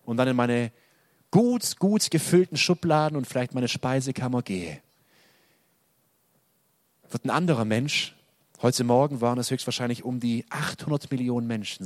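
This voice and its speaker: Man preaching with loud and soft swings. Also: mid-range voice, normal speed, no room sound, studio quality. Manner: dynamic preaching, loud emphatic peaks dropping to soft quiet lines. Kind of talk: sermon.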